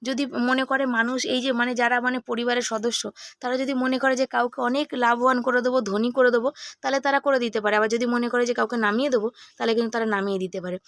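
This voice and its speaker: A middle-aged woman vlogger, hoarse from a cold, chatting casually to her viewers while she cooks in her home kitchen. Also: a little high, flat delivery, quick pace, fairly bright tone, dry recording. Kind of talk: casual cooking vlog chat.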